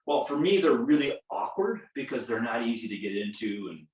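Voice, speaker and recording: A man's voice: mid-range voice, expressive, brisk, darkish tone, recorded from a distance. A man in his fifties guiding a yoga class, self-deprecating and stretching out his cues. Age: 50s. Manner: self-deprecating, chuckles at own jokes. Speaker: yoga instructor. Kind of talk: guided yoga class instruction. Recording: roomy echo, voice from off-mic.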